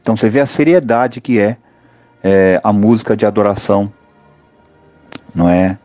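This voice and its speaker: A Brazilian man teaching an online music seminar, talking in a halting way with many fillers and tag questions. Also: on the low side, mellow, no echo. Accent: Brazilian Portuguese.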